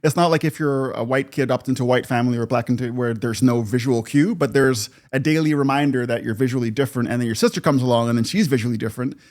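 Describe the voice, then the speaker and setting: A man's voice: mid-range voice, fast talker, hardly any pauses. Reflective middle-aged man telling his story. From Canada. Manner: reflective, animated when recounting, laughs often. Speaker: podcast guest, producer. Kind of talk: personal storytelling in conversation.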